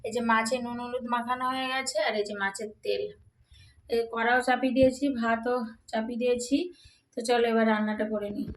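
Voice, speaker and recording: A middle-aged woman, slightly hoarse, chatting casually to viewers through a daily-routine vlog and often checking in with them. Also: a little high, fairly even intonation, quick pace. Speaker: vlogger.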